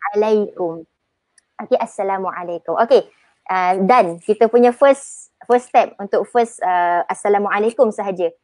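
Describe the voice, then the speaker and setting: A woman with a Malaysian Malay accent teaching Arabic pronunciation in a live online lesson, chatty, drawing example words out slowly. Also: medium pitch, darkish tone, no room sound.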